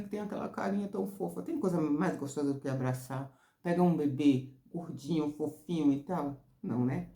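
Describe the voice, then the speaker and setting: Terapeuta brasileira de voz rouca e grave. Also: female voice. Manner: expressive, rises high and loud when excited. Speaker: therapist. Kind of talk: casual teaching talk. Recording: roomy echo.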